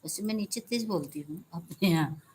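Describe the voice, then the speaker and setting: A woman hosting a live stream from a village rooftop, chatting casually with viewers and speaking softly. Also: on the low side, fairly quick, slight background noise, rough recording. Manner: speaks softly, holding her voice down. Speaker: live-stream host and folk singer.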